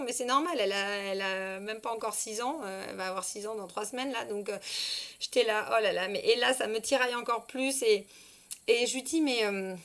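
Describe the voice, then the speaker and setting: A woman in her thirties, a parenting consultant, telling a personal family story in an emotional, hesitant way full of fillers and restarts. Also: mid-range voice.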